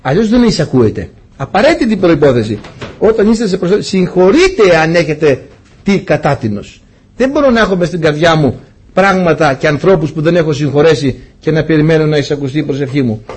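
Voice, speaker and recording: A man's voice: a little high, expressive, a little mellow, slightly rough. A man preaching a sermon to his congregation, telling a personal story with rhetorical questions.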